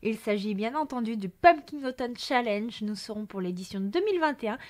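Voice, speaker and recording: A woman's voice: on the high side, lively intonation, fairly quick. A young woman presents her reading list in a chatty, enthusiastic vlog, with frequent fillers. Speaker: book vlogger. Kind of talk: casual book haul presentation.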